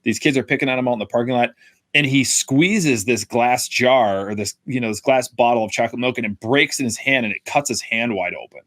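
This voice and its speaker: A young man talks through a movie on a podcast in a loose, rambling way, circling back with fillers and restarts. His voice sits at an average pitch and sounds close and dry. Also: a little fast, a bit bright, no echo. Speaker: podcast co-host. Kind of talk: casual film review chat.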